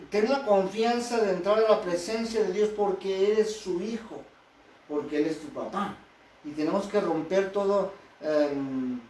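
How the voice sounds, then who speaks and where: A man preaches a sermon and keeps turning to the congregation with questions. His voice is high for a man. He sounds distant from the mic, with room echo and a faint hiss behind him. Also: a little mellow. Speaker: pastor. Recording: echoey hall from far off.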